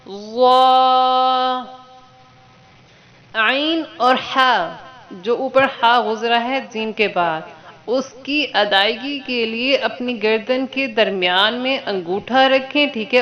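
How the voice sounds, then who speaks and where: A woman teaching Quran letters to children online, drawing letters out slowly for students to repeat and checking in with them often. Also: a little high. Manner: patient, drawn-out letter recitation for repeating. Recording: dull lo-fi recording.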